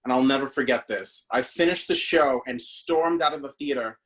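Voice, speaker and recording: Over a video call, a Bahamian man tells the story of his path as a stage actor in a loose, chatty casual interview, full of fillers and restarts. His middle-pitched voice is fairly bright and moves at normal speed, though the recording is low quality.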